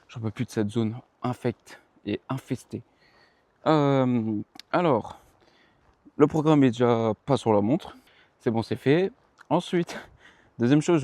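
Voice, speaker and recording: Tired rambling young man, mellow voice. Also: mid-range voice, no echo. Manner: rambling, self-correcting, slangy. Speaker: running vlogger. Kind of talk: casual vlog chat to the viewer. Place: outdoors.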